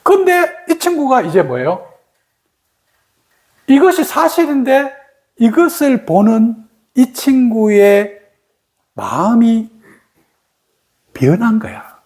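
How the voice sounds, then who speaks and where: A middle-aged meditation teacher gives a dharma talk in a mid-pitched voice whose intonation rises and falls widely. The teacher tells stories with animation and keeps turning to the listeners with rhetorical questions. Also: sing-song, slow, pauses often, a little mellow.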